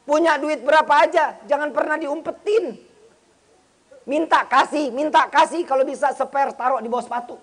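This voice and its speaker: A man's voice: very high-pitched, normal speed, a bit bright. A man preaching a humorous sermon in speech, teasing his listeners and acting out bits of dialogue. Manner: teasing, slangy, acts out quoted dialogue.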